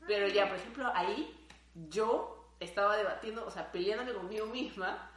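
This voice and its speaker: A woman's voice: mid-range voice, moderate pace. Swearing young woman, roomy echo. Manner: animated, swears freely, acts out her own thoughts. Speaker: podcast co-host. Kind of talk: casual chat.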